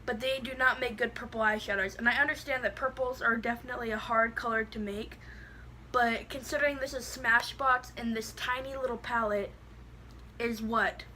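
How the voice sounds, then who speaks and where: A woman's voice: a little high, fairly even intonation, normal speed, bright, forceful tone, a little hiss or hum. A woman with a lisp that makes her s sound slushy, chatting casually and bluntly through a product review, rambling with lots of "like". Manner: blunt, rambling, heavy use of "like".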